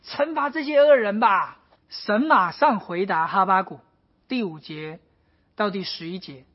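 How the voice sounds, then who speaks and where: A woman's voice: medium pitch, a little slow, slightly rough. A woman preaching a sermon, acting out pleading prayers with dramatic intensity. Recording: dull lo-fi recording.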